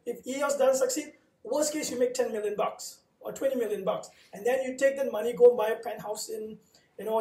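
Emphatic man from Singapore, dark tone. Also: very high voice, a little hiss or hum. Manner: emphatic, confident, punchy. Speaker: panelist. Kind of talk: live panel talk. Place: coworking space event room. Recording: echoey room from far off.

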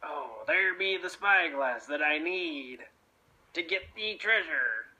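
A woman voicing a gruff male pirate captain in a cartoon story, speaking in drawn-out pirate talk. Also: low voice, animated, bright, forceful tone, dull audio, exaggerated voice. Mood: scheming.

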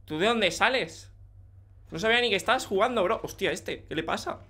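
A young man with a Spanish accent from Spain, commenting excitedly on his online game and joking with teammates. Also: high-pitched, brisk, husky. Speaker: gaming YouTuber. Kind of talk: live gameplay commentary.

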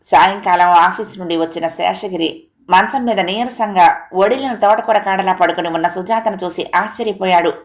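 Woman storyteller, scripted humorous story, steady, unhurried, middle pitch.

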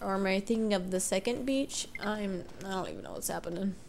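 Speaking fairly quickly with vocal fry and a darkish tone, a young woman with a mid-range voice narrates her gameplay casually as a let's play gamer. Her allergies make her sound congested, and she rambles, self-corrects often, and sounds unsure, with slight background noise behind her.

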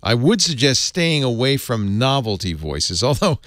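Male tutorial host, easygoing and chuckly; animated pitch, dry sound. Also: normal speed, no echo. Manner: chatty, chuckles often, easygoing explaining. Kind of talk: casual tech tutorial.

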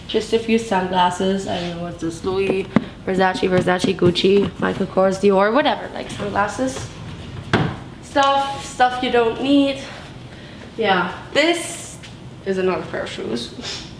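Speaking slowly in a mid-range voice, a young adult woman gives a rambling, casual tour of her bedroom and bathroom while filming on a handheld camera. She's bubbly, says "like" and "so cool" constantly, and the big tiled rooms sound echoey with some background noise.

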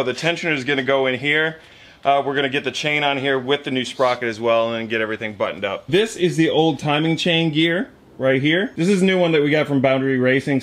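A man in his thirties casually explaining an engine rebuild step by step in his home garage, his voice picked up by the camera mic while he works. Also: mid-range voice. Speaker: garage mechanic host. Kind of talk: casual how-to narration.

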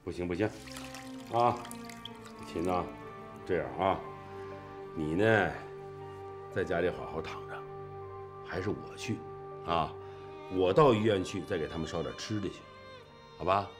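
A man's voice: deep voice, unhurried, pauses often, music in the background. A fussing kindly old man. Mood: coaxing. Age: older. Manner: coaxing, fussing, repeats himself. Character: kindly old man nursing a sick young woman. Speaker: elderly caretaker. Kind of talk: TV drama acting.

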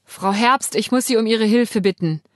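A woman's voice: fairly high pitch, normal speed, no echo, studio quality, lightly acted. A woman reading a desperate jailed husband. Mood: pleading. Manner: pleading, tearful. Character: desperate imprisoned husband, man, sarcastic.

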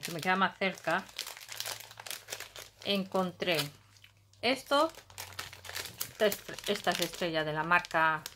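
A woman's voice: on the low side, noisy background. A middle-aged woman from Spain, with a Basque Country Spanish accent, chatting casually through a craft haul, thinking aloud and humming filler sounds while she unpacks at a table at home.

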